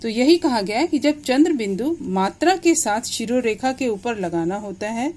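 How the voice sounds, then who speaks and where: Woman teacher explaining step by step. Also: on the high side. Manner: explains step by step, checks understanding with questions. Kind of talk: classroom grammar lesson.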